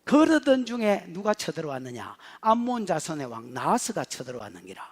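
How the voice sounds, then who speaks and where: A middle-aged male pastor with a Gyeongsang Korean accent, preaching in a humorous, animated storytelling manner. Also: on the high side, fairly quick, slightly rough. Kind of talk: sermon.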